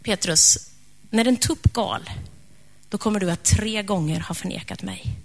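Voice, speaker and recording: A woman voicing a calm, wise adult male teacher who speaks in a measured way. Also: medium pitch, gravelly, in a large hall. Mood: knowing.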